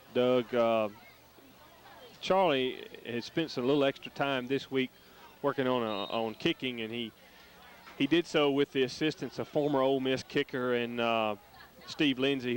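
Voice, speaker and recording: A man giving color commentary on a high school football game, chatty and full of restarts. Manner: chatty analysis with many fillers and restarts.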